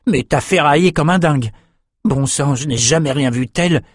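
A man voicing an excitable, crude-mouthed young male fighter in an audiobook. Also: a little high, normal speed, no room sound, clean studio sound, pitched above the performer's own voice, natural voice. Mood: excited.

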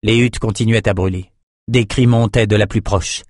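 Low-pitched male narrator, steady measured reading, dry close-miked studio sound. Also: no echo. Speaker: audiobook narrator. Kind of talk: scripted narration.

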